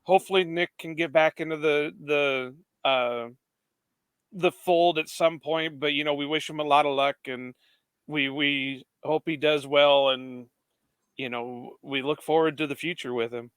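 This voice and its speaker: A man's voice: fairly high pitch, steady tone, a little slow, a bit bright, clear, resonant tone, no echo. A man co-hosting a football podcast, friendly and rambling, with many "you know"s. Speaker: podcast co-host. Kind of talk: casual sports podcast chat.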